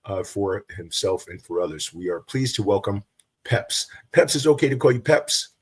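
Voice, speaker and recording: Man, from new york, interview host, friendly presenter, enthusiastic, husky low voice. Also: animated, normal speed. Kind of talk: hosted interview.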